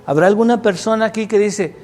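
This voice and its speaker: A man's voice: sits high, fast talker, darkish tone, in a large hall, soft background music. A man preaching a sermon, telling stories and asking the congregation questions with rising emphasis. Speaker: pastor.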